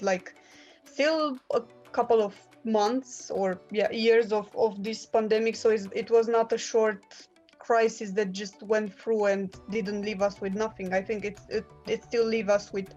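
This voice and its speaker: A woman's voice: a little high, darkish tone, muffled recording. A woman in her twenties with a Romanian accent, a master's student sharing her views in casual English, earnest and full of fillers and restarts. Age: 20s. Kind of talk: casual personal testimony.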